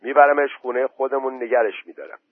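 A man's voice: medium pitch, dry recording, voice pushed up, close to an everyday voice. A man doing a stubborn, defiant village man. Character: stubborn young village man, fond of a dog. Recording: dry phone-like voice message.

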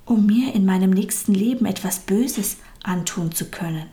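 A woman voicing a kind, loving soul, speaking tenderly and often in a soft whisper. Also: medium pitch, moderate pace, natural voice. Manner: tender, softly whispered, rising with feeling.

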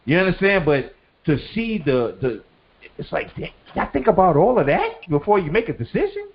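A middle-aged man co-hosting a podcast, talking in loose casual chat. He swears freely, laughs often, and his pitch swings widely as he gets animated. The sound is dull and lo-fi. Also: moderate pace. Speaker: podcast co-host.

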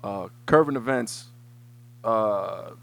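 Animated man telling a story on a podcast. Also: on the low side, takes it slowly, gravelly. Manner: animated storyteller, many restarts. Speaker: podcast co-host. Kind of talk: casual podcast chat.

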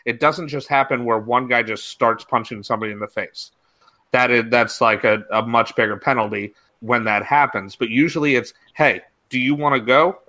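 A man's voice: medium pitch, steady tone, moderate pace, pushed and bright. A man co-hosting a casual hockey podcast, arguing his point in an emphatic way. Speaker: podcast co-host. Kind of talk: casual sports chat.

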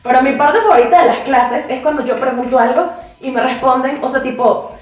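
A woman's voice: high-pitched, fairly quick, distant mic. A Mexican woman co-hosting a casual podcast, a chatty English teacher who laughs often and gets exasperated. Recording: very echoey room with faint music.

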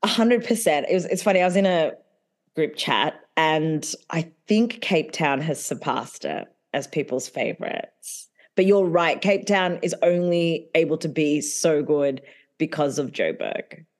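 A young adult woman co-hosting a podcast in casual chat, giggly and animated, with lots of "like". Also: deep voice, unhurried. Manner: giggly, animated, says "like" a lot. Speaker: podcast co-host.

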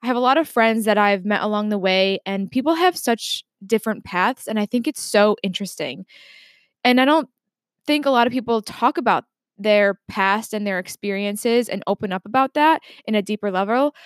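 A woman's voice: a little high, moderate pace, dry recording. Chatty young woman, dry close sound. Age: 20s. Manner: chatty and reflective, with many restarts and fillers. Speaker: podcast host. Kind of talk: casual solo podcast intro. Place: home desk.

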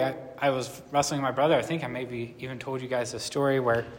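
Pastor with a slight lisp, hall reverb. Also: male voice, mid-range voice. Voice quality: slight lisp from a sore lip. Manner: conversational, earnest, asks the congregation questions. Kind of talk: sermon.

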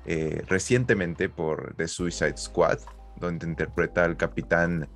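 A man's voice: low voice, fairly even intonation, slow pace, gravelly, soft background music. A Mexican man co-hosting a podcast in casual, slangy, jokey conversation. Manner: jokey, informal. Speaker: podcast co-host.

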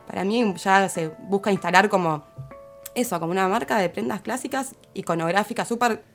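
A woman's voice: medium pitch, fairly quick, faint music behind. A woman with a Rioplatense Spanish accent, casually discussing fashion on a panel and nodding along with frequent affirmations. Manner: thoughtful, many affirming fillers. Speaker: fashion commentator.

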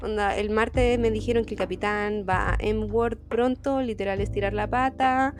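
A young woman with a Chilean accent telling a story in casual chat, animated and acting out the people she quotes. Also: moderate pace, soft background music. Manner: animated, acts out quoted people in sudden high voices. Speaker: podcast co-host.

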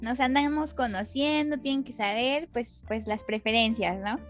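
A woman's voice: fairly high pitch, moderate pace, faint music behind. A young adult woman with a Mexican accent, co-hosting a casual comedic chat with slangy, wry, self-deprecating humor. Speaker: podcast co-host.

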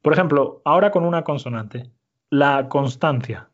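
Over phone-quality sound, a man with a slightly high voice teaches Spanish at a moderate pace. His style is explanatory and step by step, with regular "¿vale?" check-ins.

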